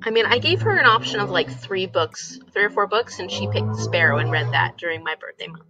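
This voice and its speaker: Chatting casually with a friend on her reading livestream, this host has a fairly low, nasal voice with big pitch swings and a brisk pace. She laughs a lot and often searches for words. Music plays in the background of the dull, muffled recording.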